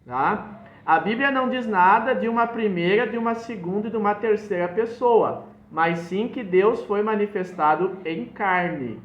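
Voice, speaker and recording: A man's voice: high voice, unhurried, fairly bright tone, echoey room, highs cut off. A male pastor, preaching emphatically and quoting scripture verse by verse. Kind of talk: sermon.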